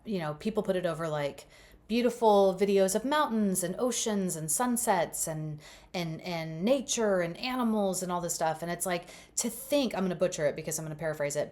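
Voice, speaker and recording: An earnest woman hosting a faith-based podcast, speaking straight to her listeners. Her voice sits at an ordinary middle pitch. She talks in loose, repetitive runs with plenty of casual fillers. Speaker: podcast host.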